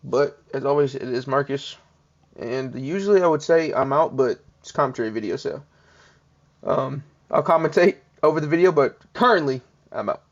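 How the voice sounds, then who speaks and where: A man's voice: medium pitch, moderate pace. A young man giving casual, laid-back commentary over his own gameplay, chuckling often and poking fun at himself. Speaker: gaming commentator. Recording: dull lo-fi mic.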